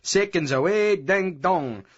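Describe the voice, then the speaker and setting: A man's voice: sits high, slow, voice pushed up. A man voicing a cocky, rowdy young Scottish lad who mocks his friends in a jeering, sing-song way, on a dull lo-fi recording. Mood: chanting.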